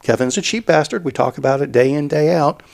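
Gravelly man explaining at length. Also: a little high, quick pace, a little mellow. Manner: rambling, repeats words while explaining. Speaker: cycling event organizer. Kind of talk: casual podcast chat.

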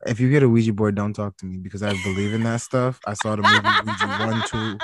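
A man's voice: fairly low pitch, fast talker, very noisy. A man co-hosting a podcast, chatting casually and joking as he tells stories. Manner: joking, animated storytelling. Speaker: podcast co-host. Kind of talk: casual chat.

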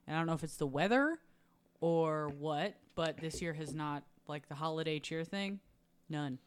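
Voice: medium pitch, normal speed, clean tone. A co-host trading teasing banter with friends in a small apartment living room. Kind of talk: casual chat among friends.

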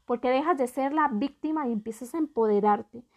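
A woman's voice: sits high, fairly quick, darkish tone. A woman hosting a motivational podcast, talking straight to the listener as a friend and repeating phrases for emphasis. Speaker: podcast host.

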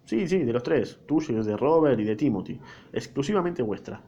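Guy doing a calm tender dad, rioplatense accent, drops some slang, mid pitch, dullish lo-fi audio. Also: moderate pace, husky. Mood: calm fatherly. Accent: Rioplatense Spanish. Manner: slangy, casual asides. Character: a calm, tender father of three.

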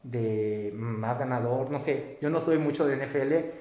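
A man's voice: medium pitch, measured pace, dark tone. A young man hosting a casual interview, asking chatty, rambling questions. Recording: roomy echo.

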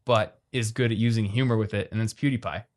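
A man co-hosting a podcast, chatting casually and quickly, reading listener questions aloud. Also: fairly low pitch, fairly even intonation. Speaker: podcast co-host.

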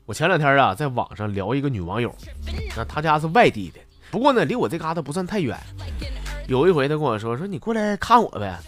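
A man's voice: fairly high pitch, sing-song, quick pace, a bit bright, soft background music. Chatty Northeastern Mandarin man telling jokes. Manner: chatty, folksy, playful. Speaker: host reading listener jokes. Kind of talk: comic storytelling on radio.

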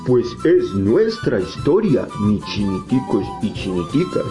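A man's voice: fairly low pitch, huge pitch swings, a little slow, over music. Man voicing a jolly talking tree, swooping Colombian storyteller. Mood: warm teaching. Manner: folksy, jolly, didactic storyteller addressing children. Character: kindly, wise old talking tree, teacher to children. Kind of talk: children's educational storytelling.

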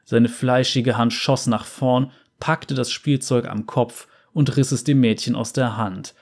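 A man reads a fantasy story aloud at a measured pace, calm and steady. His pitch is in an ordinary middle range, and he delivers each line evenly and carefully, like a book being read.

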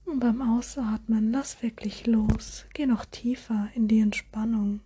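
Woman, soft spa whisper, very breathy, mellow, soothing hypnosis guide. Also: a little high, fairly even intonation. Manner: soothing, slow, gentle suggestions.

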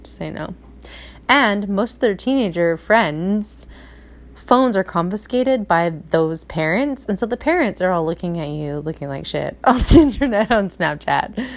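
Middle-aged woman, mom vlogger, casual chat, rambling, filler-heavy, mid-pitched voice. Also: expressive, a little slow. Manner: rambling, chatty, full of "like" fillers.

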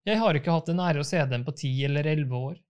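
An aging prince with a dry, faintly mocking courtesy, read by a man. His tone is slightly high and unhurried, the way a father teases in a storybook. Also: lively intonation, a little mellow, clear, resonant tone, dull audio, close to an everyday voice.

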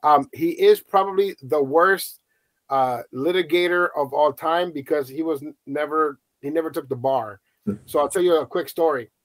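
A middle-aged man from the United States, a podcast host telling a story casually on a panel and acting out the quoted voices with lively swings. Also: moderate pace, no echo. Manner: animated storyteller, acts out quotes with high excited voices.

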